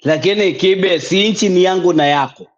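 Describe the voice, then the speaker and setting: A man's voice: sits high, normal speed. Kenyan man chatting, muffled lo-fi audio. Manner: mixes Swahili slang and English, explanatory. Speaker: discussion participant. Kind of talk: casual chat. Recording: dull lo-fi audio.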